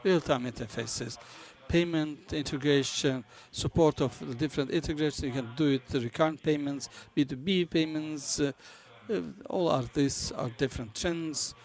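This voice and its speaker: A man who is not a native English speaker gives a business conference presentation, halting as he searches for words. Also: fairly high pitch, a little mellow. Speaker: conference presenter for a banking software company.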